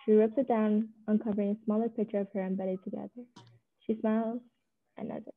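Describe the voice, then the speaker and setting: A woman's voice: medium pitch, level tone, fast talker, very noisy. Woman reading stage directions over a tinny line.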